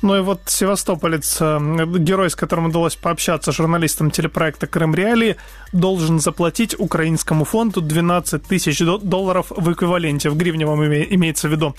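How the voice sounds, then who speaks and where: Higher-pitched man co-hosting radio news, haltingly. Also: fairly even intonation. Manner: hesitant, halting delivery. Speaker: radio co-host. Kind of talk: live semi-scripted news presenting. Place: radio studio.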